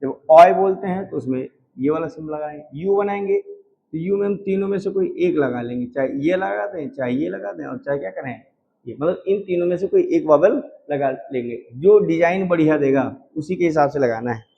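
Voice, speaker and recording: A man's voice: fairly high pitch, vocal fry, muffled recording. Indian man teaching with self-asked questions. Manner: keeps asking and answering his own questions; drawn-out repeated sounds for demonstration. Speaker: shorthand teacher. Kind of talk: classroom lecture.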